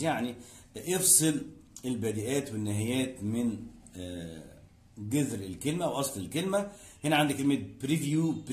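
Egyptian guy teaching english from a textbook, middle pitch, slow readouts with lots of "aah"s, echoey room. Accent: Egyptian Arabic. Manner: reads English sentences slowly, then translates with filler "aah"s. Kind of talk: explaining a textbook lesson.

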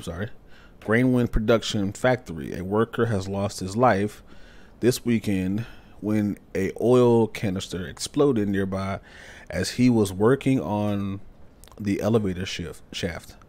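A male gaming streamer commentating on a horror game. His voice sits fairly low and he talks very slowly, in a hushed, halting way, as if to himself.

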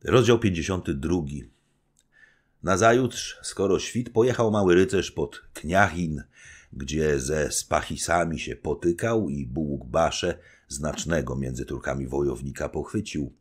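Deep, husky amateur audiobook narrator. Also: male voice, unhurried. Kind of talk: audiobook narration of a classic novel.

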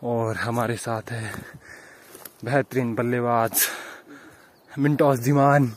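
A man's voice: mid-range voice, fairly even intonation, slow, a little hiss or hum. Young man vlogging on a mountain hike. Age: young adult. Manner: chatty, showing viewers around on foot. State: tired and winded from climbing. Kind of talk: casual travel vlog. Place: outdoors on a forested mountain trail. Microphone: handheld camera at arm's length.

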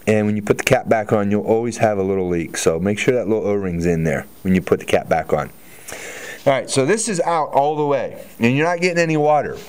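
A man in his forties with a lowish, slightly mellow voice talks fairly quickly as he gives a chatty, upbeat how-to demo, walking around and gesturing. He owns a hot tub store and is in its large indoor spa showroom. A tripod camera's mic at a distance captures the roomy audio.

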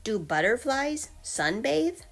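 A woman reads a children's picture book aloud like a teacher, with clear, emphatic storytelling and emphatic questions and answers. Her slightly high voice is sing-song, slow and fairly bright, with soft music in the background.

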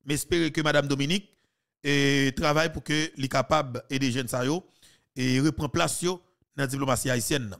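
Brief: Haitian male podcast commentator, 30s, fiery and mocking, mid pitch, close studio mic. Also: steady tone, a little fast, creaky. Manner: heated, mocking, with sudden loud outbursts. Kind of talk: political commentary. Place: small studio. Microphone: studio mic with headphones.

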